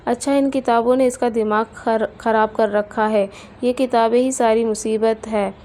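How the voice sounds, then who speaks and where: A woman's voice: a little high, fairly even intonation, normal speed, warm tone, close to an everyday voice. A woman voicing a harsh scolding mother-in-law. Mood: scornful. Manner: scolding, taunting. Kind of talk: storybook character voice.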